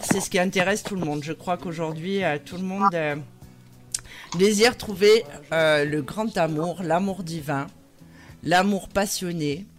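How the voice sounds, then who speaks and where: A woman hosting a live radio talk show, speaking with frequent hesitations and fillers. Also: on the low side. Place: radio studio.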